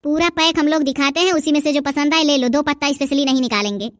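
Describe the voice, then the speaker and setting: A woman's voice: high-pitched, steady tone, quick pace, no room sound, studio quality, close to an everyday voice. Woman doing a snappy young cartoon shopkeeper. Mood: impatient. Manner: curt, mocking, standard Hindi speech. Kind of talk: cartoon dub voice acting.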